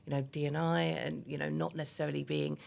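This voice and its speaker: A woman's voice: sits low, level tone, fast, vocal fry, darkish tone. A woman, talking candidly and emphatically as a guest in a conversational interview, often acting out her own thoughts. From East London, England. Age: 50s. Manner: candid, chatty, emphatic, illustrates points with quoted self-talk. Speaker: interview guest, business founder.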